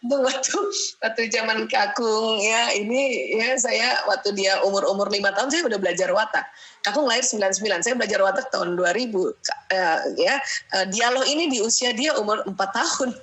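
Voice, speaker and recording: Bright-voiced middle-aged woman lecturing. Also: medium pitch, brisk, poor audio. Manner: animated, laughs often, tags sentences with "ya". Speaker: parenting speaker. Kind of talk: lively lecture with family anecdotes.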